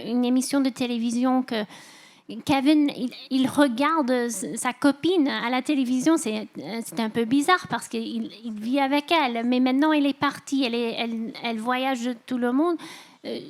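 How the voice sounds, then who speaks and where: A woman novelist, a guest at a literary festival, answers interview questions in French, which is not her first language, speaking with a foreign accent and searching for words. Her voice sits high with a darkish tone, and her pace is measured.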